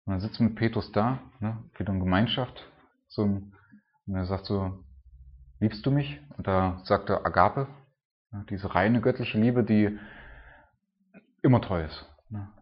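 A man preaching in an informal, conversational way, constantly checking in with his listeners with a quick "right?". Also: fairly low pitch, steady tone, lo-fi sound. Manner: informal, tags nearly every sentence with a questioning "ne?". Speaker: preacher and church planter.

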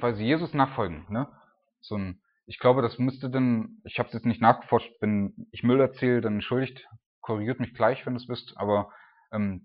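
Casual preacher acting out scenes. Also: male voice. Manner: conversational, frequent "ne?" tags, acts out voices with loud high cries. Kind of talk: informal sermon. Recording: dull lo-fi sound.

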